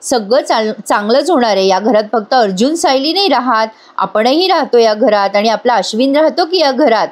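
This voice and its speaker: A woman's voice: fairly high pitch, animated, normal speed, hardly any pauses, natural voice. A woman voicing a scheming older matriarch in a firm tone.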